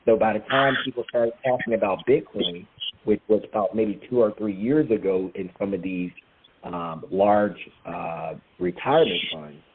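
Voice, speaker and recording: A man with a lower voice walks listeners through a process on a call. He is emphatic and poses questions only to answer them himself. The sound is narrow and tinny, like a phone line. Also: lively intonation, moderate pace, slight background noise. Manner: emphatic, answers his own rhetorical questions. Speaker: guest speaker explaining crypto. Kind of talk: explanatory call talk.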